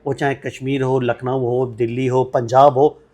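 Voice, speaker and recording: A man's voice: mid-range voice, flat delivery, normal speed, darkish tone. A man hosting a promotional interview, upbeat and prompting, echoing his guest's answers.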